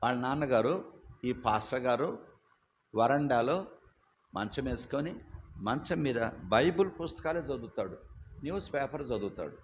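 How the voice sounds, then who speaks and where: Older male preacher, loud and emphatic storyteller, slight hiss behind. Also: mid-range voice, lively intonation, normal speed, pauses often. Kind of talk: sermon. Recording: dull lo-fi recording with faint hiss.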